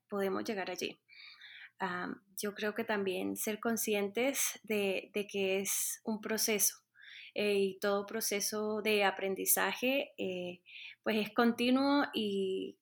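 Earnest coastal woman, halting. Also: mid-range voice, vocal fry, fairly bright tone. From Colombia, Caribbean coast. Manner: earnest, halting, with many fillers and restarts. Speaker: interview guest, music teacher. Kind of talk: casual interview answers.

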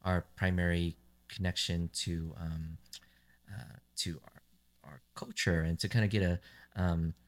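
Deep-voiced American-born podcast host. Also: male voice, little pitch movement, unhurried. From United States. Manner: rambling questions with fillers. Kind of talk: casual interview chat.

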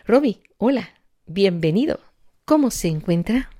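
A woman hosting a religious talk show, gently and formally interviewing a guest. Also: mid-range voice, expressive, measured pace. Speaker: host.

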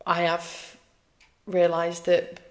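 Slow, low-voiced woman chatting. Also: completely flat delivery. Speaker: guest, host's wife. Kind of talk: casual podcast chat.

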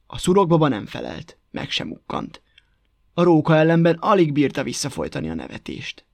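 Man reading a lively folk tale. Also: fairly high pitch, gravelly, no room sound, clean studio sound. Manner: lively, repetitive storytelling rhythm. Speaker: narrator. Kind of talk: storybook reading.

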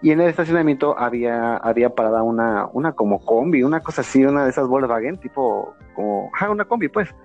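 A man with a Mexican accent tells a story in a loose, profane, animated way, often jumping up in pitch. His voice sits at a middle pitch. The recording sounds a bit muffled, with faint music underneath. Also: fast talker, hardly any pauses. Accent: Mexican Spanish. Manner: animated, slangy and profane, acts out quoted voices. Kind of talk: casual storytelling chat.

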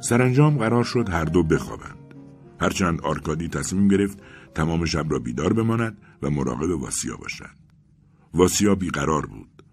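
A man narrating a literary story in a measured, grave, dramatic reading style. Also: very deep voice, breathy edge. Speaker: audiobook narrator.

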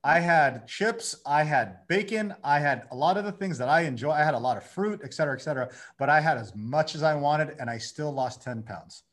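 A man in his thirties, a guest on a podcast, telling his story in a lively way and acting out his own inner dialogue. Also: on the high side, fairly quick, hardly any pauses. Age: 30s. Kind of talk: casual conversation.

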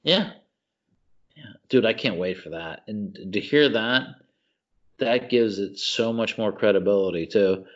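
A man co-hosts a casual podcast about video games and movies, speaking at a fairly low pitch and an unhurried pace with long pauses. He's effusive and slangy, repeating himself for emphasis, though the audio sounds dull.

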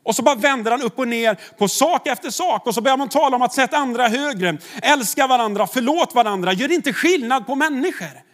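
A man's voice: very high voice, lively intonation, hardly any pauses, a bit bright. A man, a pastor, preaching a sermon in a conversational way, with rhetorical questions to the congregation.

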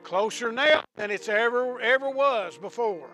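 A man preaching a sermon, repeating questions to the congregation and ending in a hushed prayer. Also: extremely high pitch, a little slow, soft background music. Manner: rising to shouts of praise, then hushed prayer.

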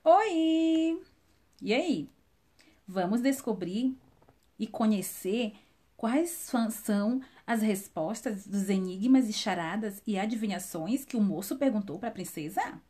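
A woman telling a children's story, animated and asking her listeners questions directly. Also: mid-range voice, slow pace.

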